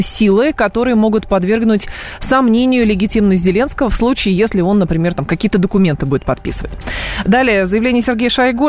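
A woman hosting live radio news talk in a studio, speaking briskly with frequent filler sounds between points. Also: medium pitch. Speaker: radio host. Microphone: studio microphone.

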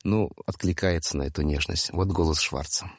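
A man in his sixties telling a story in a conversational, digressive way, with halting restarts. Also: sits low, dry recording, clean studio sound. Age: 60s. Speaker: storyteller guest.

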